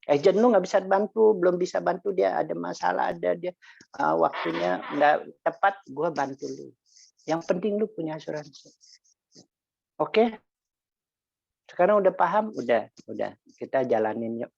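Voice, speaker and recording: With a gravelly, high-sitting voice, this insurance agent tells an animated story in slangy street talk at a motivational sharing session, voicing both people in a conversation. He talks at a moderate pace with long pauses. The audio is dry, muffled, lo-fi, and echo-free.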